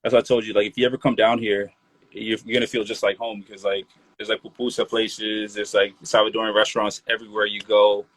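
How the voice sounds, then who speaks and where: This rapper from Maryland, in his late twenties, speaks quickly in a low, husky, flat voice during a laid-back casual interview, dropping "like" and "you feel me" throughout. The low-quality recording has no echo.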